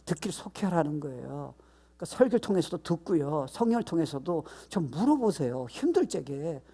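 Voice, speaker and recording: Male pastor, sermon delivery, higher pitch, husky tone, bursts into English. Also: big pitch swings, brisk. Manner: switches between Korean and English, rising to loud emphatic shouts.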